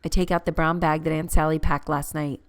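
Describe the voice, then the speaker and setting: A woman with a deep voice narrates a first-person novel for an audiobook, reading in a measured and gently expressive manner.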